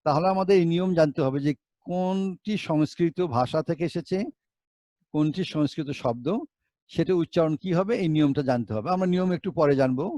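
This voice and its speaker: Slow explaining Bengali teacher, man. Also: a little high, dark tone, no room sound. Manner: spells words out letter by letter, rhetorical questions. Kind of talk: Bengali pronunciation lesson.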